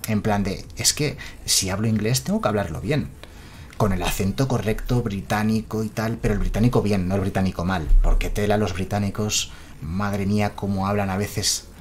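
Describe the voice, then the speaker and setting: A man's voice: lowish voice, normal speed, slight background noise. A man from Spain, chatting casually on a live stream and reading out chat messages.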